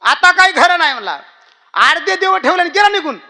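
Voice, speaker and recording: A man's voice: extremely high pitch, lively intonation, brisk, sharp tone. A man preaching a humorous devotional kirtan sermon, telling rustic jokes and chanting verses.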